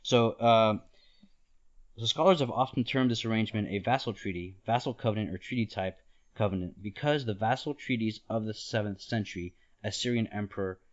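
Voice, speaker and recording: Man, podcast host, lowish voice, casual back-and-forth explaining, dull lo-fi sound. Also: brisk. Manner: talks it through with many "like" and "right?", laughs easily.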